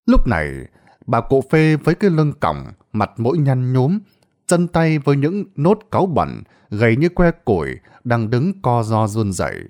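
A man's voice: mid-range voice, sing-song, unhurried, a little mellow. A man narrating a Vietnamese ghost story in a dramatic storytelling style.

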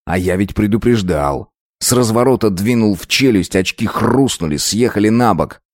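A man narrating a first-person story in a measured, dramatic reading. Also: lowish voice, animated, dry recording, clean studio sound.

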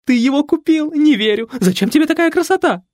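Male narrator putting on a squealing diva mother, older, fussy, lively swoops, dry close audiobook sound. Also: fairly quick, no room sound. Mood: excited squeals. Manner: high-pitched squealing, theatrical. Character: shrieking vain older mother Nikoletta, fussy, coquettish. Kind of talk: audiobook character voice.

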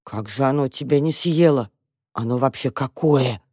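A plucky young male mouse takes charge with quick, eager talk, as a storyteller voices him. He gets impatient and bossy with slower friends in this children's storybook. The sound is dry and close. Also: mid-range voice, darkish tone, no room sound, lightly acted.

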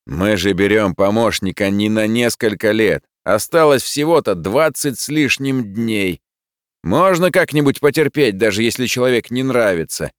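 A man voicing a calm, unbothered middle-aged chef who reasons things out patiently. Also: fairly low pitch, normal speed, no room sound, clean studio sound, voice pushed up, close to an everyday voice. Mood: reasoning. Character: easygoing middle-aged male restaurant chef. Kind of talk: audiobook character voice.

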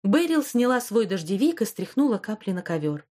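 A woman's voice: medium pitch, fairly quick. Woman narrating an audiobook. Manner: even, expressive storytelling.

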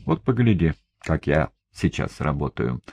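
Narrator guy doing a gruff big thug, drawls slow and mocking, husky and low. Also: very animated, darkish tone, dry recording, full character voice. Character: menacing burly male knife-throwing thug, mocking.

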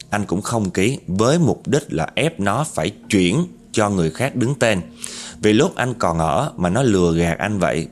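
Low-voiced Southern Vietnamese male storyteller. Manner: conversational, addresses listeners directly. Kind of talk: spoken true-story narration.

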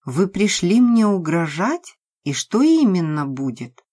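A woman's voice: lowish voice, sing-song, unhurried, warm tone, slightly rough, heavily acted. A woman voicing a frightened but defiant young woman who answers firmly in an audiobook. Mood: tense defiant. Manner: trembling yet firm.

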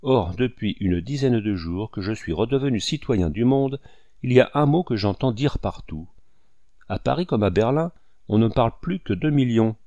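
A man voicing a blunt, gruff army colonel who speaks brusquely and gives orders, in an audiobook reading. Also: mid-range voice, animated, moderate pace, mellow, no echo, lo-fi sound, lightly acted. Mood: impatient. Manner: brusque, commanding.

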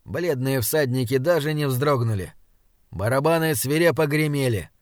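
A man reading a fantasy audiobook in a steady, dramatic narration on a close studio mic. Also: medium pitch, normal speed, no echo. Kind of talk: scripted narration.

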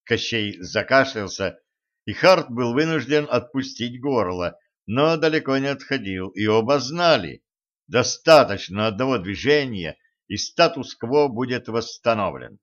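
A man reads a fantasy audiobook in a calm, measured voice at mid pitch. His pace is slow and unhurried. The recording has a slightly dull, lo-fi quality. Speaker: audiobook narrator. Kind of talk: audiobook narration.

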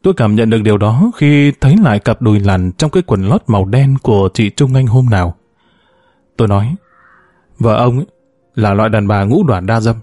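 A man calmly reading a first-person story aloud, voicing every character in his own even tone. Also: lowish voice, a little fast, no room sound, studio quality, soft background music. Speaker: audiobook narrator.

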